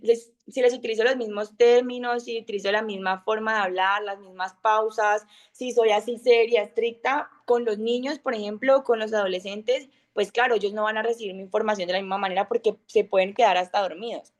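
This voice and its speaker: A young adult woman giving an informal talk on communication, speaking loudly and with a high voice, full of fillers and acted-out examples. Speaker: speaker of an online masterclass.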